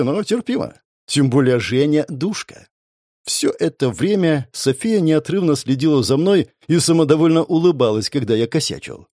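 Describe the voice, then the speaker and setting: A male narrator reads a first-person story with a lively, sardonic delivery and a slightly raised voice. His pitch jumps around animatedly from line to line. The sound is close and dry. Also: no echo. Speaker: audiobook narrator.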